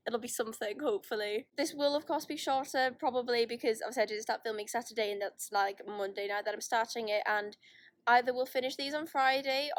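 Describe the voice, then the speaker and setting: Young woman, casual vlogger, handheld phone video, slightly high voice, dry sound, rambling and self-deprecating. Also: no echo. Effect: phone video recording. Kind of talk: casual chatty vlog. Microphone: phone held in hand.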